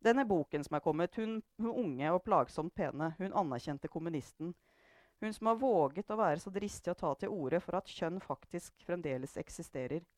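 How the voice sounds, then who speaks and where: A woman's voice: fairly low pitch, lively intonation, darkish tone, no echo, clean studio sound, lightly acted. A woman doing a sarcastic old grandmother. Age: older. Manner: sarcastic, declaiming. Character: sharp-tongued elderly grandmother, sarcastic and provocative.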